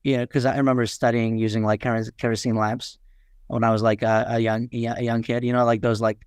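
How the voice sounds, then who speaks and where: Halting, smooth-voiced man, guest chat. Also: mid-range voice, flat delivery, no echo, clean studio sound. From Nepal. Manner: halting, many fillers and restarts. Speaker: podcast guest. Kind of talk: casual interview chat.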